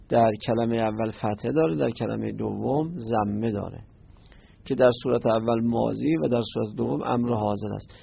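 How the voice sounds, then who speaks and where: A man teaching an Arabic grammar lesson, reciting verb forms in slow, drawn-out chants. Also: medium pitch, gravelly, husky, dry recording. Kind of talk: classroom lesson. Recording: muffled lo-fi recording.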